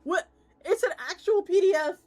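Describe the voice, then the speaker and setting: A woman streamer with a very high voice hosts a live read-along, chatting casually with her audience at a moderate pace. She addresses viewers directly, reading aloud and reacting openly with animated, informal energy.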